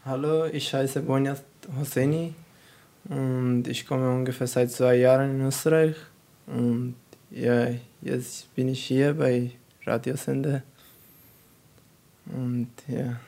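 A teenage boy from Afghanistan, a non-native speaker of German, talking haltingly as a radio guest. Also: mid-range voice, steady tone, creaky, mellow. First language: not German. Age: teens. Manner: halting, searching for words. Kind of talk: youth radio discussion.

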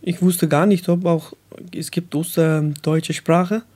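A nineteen-year-old man from Afghanistan, a radio guest, speaking slowly and searching for words with many fillers. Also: fairly high pitch, little pitch movement, darkish tone. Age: young adult. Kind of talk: radio interview.

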